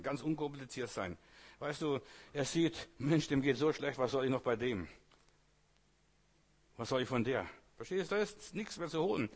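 Man, sermon, husky, earnest, repetitive, talks straight to the listener. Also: medium pitch. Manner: earnest, repetitive preaching in short phrases, addressing listener as du. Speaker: preacher.

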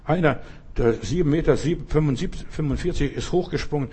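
A man preaching with a husky, slightly breathy voice. He talks emphatically, repeats phrases for weight, and speaks straight to the listener. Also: fairly high pitch, a little fast, dark tone. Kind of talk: sermon.

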